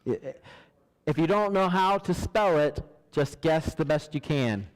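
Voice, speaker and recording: A man hosting a church trivia night, reading questions slowly, counting down and laughing at himself. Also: a little high, lively intonation. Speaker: trivia host. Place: church hall. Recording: large hall with long reverb.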